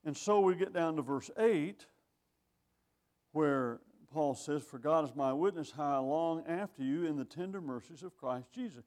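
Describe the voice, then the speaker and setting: This sixty-something preacher has a fairly high, slightly mellow voice and speaks at a normal speed. He reads scripture in old-fashioned wording and asks rhetorical questions, keeping his sermon wry and conversational.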